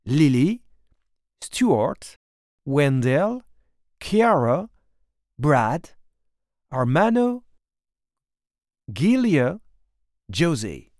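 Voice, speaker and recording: A man's voice: on the high side, a little mellow, no room sound, clean studio sound. Wry male storybook narrator. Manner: wry, rapid asides between slow read-out lines.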